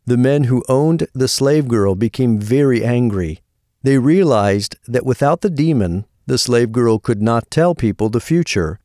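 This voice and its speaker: Calm man narrating a Bible story. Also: medium pitch, no room sound, clean studio sound.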